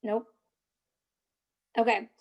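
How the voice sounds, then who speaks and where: A woman's voice: drawn-out words, a little mellow. A young woman hosting a casual live-stream tutorial, chatting with viewers in the chat as she walks them through social media tips.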